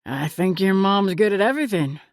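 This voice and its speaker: A woman reading an audiobook, lowering her voice to play a charming, easygoing surfer dad who teases gently. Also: fairly quick, dry recording, studio quality, natural voice. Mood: easy teasing. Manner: relaxed, teasing. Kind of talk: audiobook character voice.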